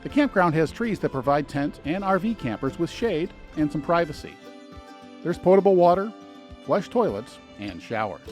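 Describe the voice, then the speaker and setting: Lively male travel-guide narrator. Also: on the high side, moderate pace. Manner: dry, lightly sarcastic asides. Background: soft background music.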